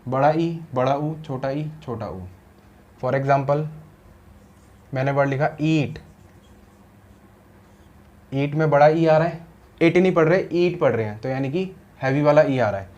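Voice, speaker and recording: A man's voice: mid-range voice, measured pace, long pauses, darkish tone, dull audio. A man teaching shorthand in a classroom style, explaining step by step and asking rhetorical questions, mixing Hindi with English terms.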